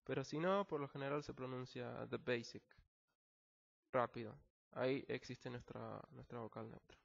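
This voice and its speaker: A Latin American man teaching an English lesson over slides, explaining slowly, repeating words and restarting phrases. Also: mid-range voice, steady tone, gravelly. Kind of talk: recorded online lesson. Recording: dull lo-fi recording.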